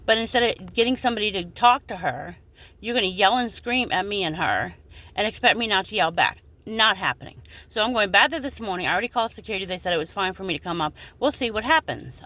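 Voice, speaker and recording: An American woman in her forties vents directly to her followers in a video, upset and indignant, cursing now and then. Her voice is medium-pitched with a sharp tone.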